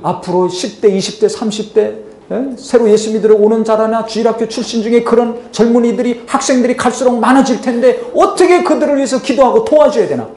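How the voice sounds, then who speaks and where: Male pastor, high voice, sermon, emphatic rhetorical questions, echoey church hall. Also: fairly quick, a little mellow. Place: church sanctuary.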